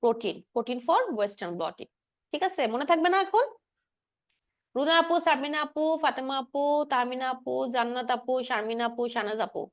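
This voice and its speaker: A woman's voice: sits high, expressive, normal speed. A woman giving an exam-prep biology lecture, drilling key points and often checking that students follow. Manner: drills points with frequent checks, mixing English terms. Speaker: biology teacher.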